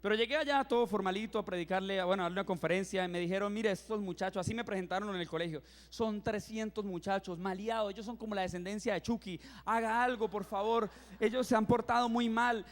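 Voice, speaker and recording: A young man in his twenties, a youth pastor, preaching a sermon and telling funny stories, acting out his own reactions with lively energy. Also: high-pitched, quick pace, hardly any pauses. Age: 20s. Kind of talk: sermon with humorous storytelling. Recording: reverberant hall.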